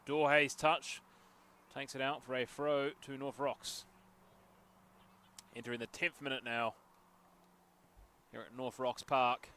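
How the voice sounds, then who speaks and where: A man giving chatty live commentary on a local football match outdoors, with jokey asides and excited bursts at chances. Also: medium pitch, slow pace, long pauses, clean tone. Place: outdoors at a local sports field. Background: passing traffic.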